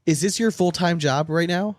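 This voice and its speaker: A man's voice: a little high, moderate pace, dry recording. A man hosting a casual podcast conversation, talking informally and repeating himself for emphasis. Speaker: podcast host.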